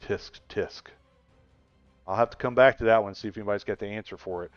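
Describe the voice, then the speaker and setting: Talking fast in a lowish voice, a man in his sixties casually chats on a gaming live stream, rambling and laughing often as he answers viewers. Soft music plays in the background. The stream audio is dull and lo-fi, with no room sound.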